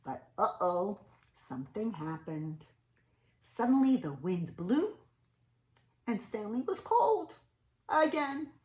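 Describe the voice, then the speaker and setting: Slowly and animatedly, a medium-pitched woman reads a picture book to small children, her sing-song voice swinging widely as she draws out words for emphasis and asks her young listeners questions. The sound is roomy and echoing indoors.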